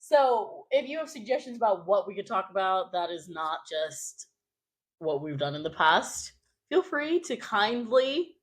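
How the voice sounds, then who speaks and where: Chatty young woman with a husky voice. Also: on the low side, moderate pace. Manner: chatty and self-mocking, with lots of "like". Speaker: podcast co-host. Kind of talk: casual chat.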